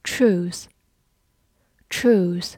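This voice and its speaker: Woman vocabulary teacher, unhurried review reading, dry close sound with no room. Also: fairly low pitch, dry recording. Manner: says each word twice slowly, then calm definitions.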